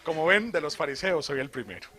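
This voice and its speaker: Animated Colombian priest teaching. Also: male voice, fairly high pitch, quick pace, noisy background. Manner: animated, questioning the audience, joking. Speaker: priest giving a theology course. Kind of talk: teaching talk to a live audience. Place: retreat hall.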